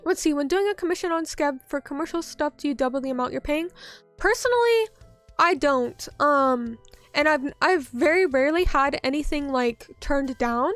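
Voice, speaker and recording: A native English-speaking woman streamer chats casually with viewers, reading their messages aloud and rambling with lots of "like" and "um." Her high voice is expressive and a bit bright at a normal speed, with soft music in the background.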